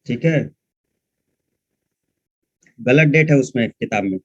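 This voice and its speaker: A man's voice: medium pitch, expressive, slow pace, a little mellow, dry recording. A male history teacher giving an online lecture, talking informally and scolding his students as he explains. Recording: dull, dry, muffled sound.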